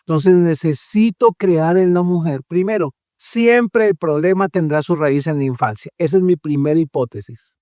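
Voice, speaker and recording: Man, radio host and psychologist, emphatic, rhetorical questions, slightly high voice, dry close sound. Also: moderate pace, hardly any pauses, dark tone, no room sound. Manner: acts out patients' voices in quotes. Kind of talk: radio talk on marriage therapy.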